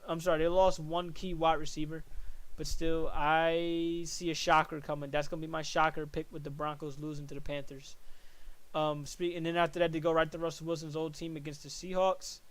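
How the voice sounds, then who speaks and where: A young man with a fairly high voice talks casually through a solo podcast. He rambles, thinks aloud and keeps correcting himself as he runs through football predictions. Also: fairly bright tone. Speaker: podcast host.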